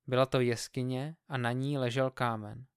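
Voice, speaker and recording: A man reading scripture aloud in a slow, measured, solemn narration. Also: mid-range voice, little pitch movement, clear, resonant tone, no room sound, studio quality. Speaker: Bible reader.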